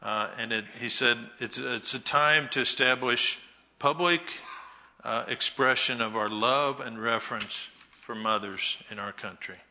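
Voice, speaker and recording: A man giving a Mother's Day talk to a church congregation, telling folksy stories with pauses. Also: medium pitch, sharp tone, dull audio. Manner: slow, folksy storytelling with pauses. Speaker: church speaker.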